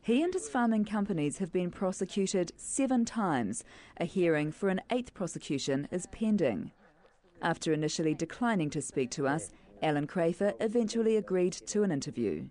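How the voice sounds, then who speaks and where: A woman's voice: on the low side, expressive, normal speed, warm tone. A woman with a New Zealand accent narrating a scripted television current affairs report.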